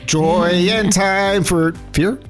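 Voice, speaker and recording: Guy doing a chipmunk voice, squeaky and high, singing slow, a bit off mic. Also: faint music behind. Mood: silly. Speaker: podcast co-host.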